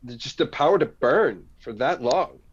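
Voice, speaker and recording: A man's voice: mid-range voice, lively intonation, moderate pace, husky, muffled recording. A man from California with a stuffed-up nose, speaking in an earnest, grateful, thoughtful way. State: stuffed-up nose from wildfire smoke.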